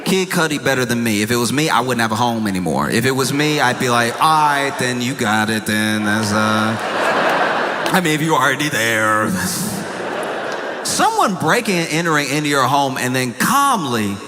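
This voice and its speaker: A man performing a stand-up comedy monologue, animated and incredulous, with jokey asides. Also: medium pitch, normal speed, long reverb tail, loud music behind the voice.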